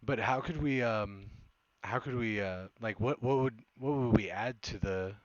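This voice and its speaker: A man with a somewhat low smoker's voice chats casually over a game stream. He talks slowly, rambling and hesitating with self-deprecating asides. The recording is dry and a little dull. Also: dry recording. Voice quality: smoker's voice with occasional cough. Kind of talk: casual live gameplay chat.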